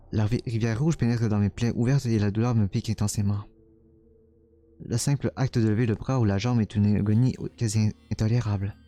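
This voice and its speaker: A man's voice: fairly low pitch, warm tone, lightly acted. A man reading a game's first-person narration as a tormented young man, dramatic and stumbling over words now and then.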